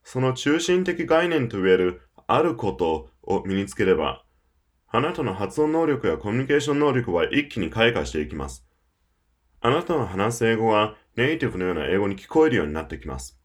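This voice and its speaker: A man's voice: lowish voice, sing-song, fairly quick. A man presenting a scripted audio lecture for English learners, persuasive and emphatic, speaking straight to the listener.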